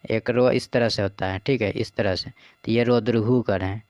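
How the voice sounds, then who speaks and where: A man's voice: on the low side, steady tone, normal speed, a little mellow, no echo, dull audio. A man patiently explaining practice exam questions as a teacher. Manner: patient, repeats "ठीक है" and "देखिए".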